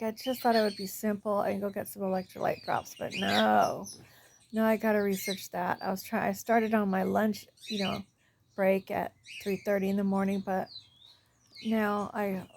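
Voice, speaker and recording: Middle-aged woman, casual vlogger, worn-out and rambling, gravelly tone, frequent near-whispers. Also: medium pitch, noisy background. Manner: rambling, tired, often drops to a near whisper. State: tired after a night shift. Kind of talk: casual diet vlog.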